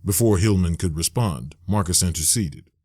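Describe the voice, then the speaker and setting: A man narrating an audiobook in a steady, even reading. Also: low voice, normal speed, slightly rough, no echo, studio quality.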